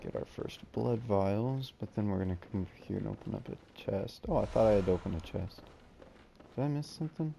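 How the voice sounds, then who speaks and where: A man's voice: fairly low pitch, a little fast, creaky, mellow, slight background noise. A man giving casual let's play commentary as a gaming host, with slangy, jokey asides.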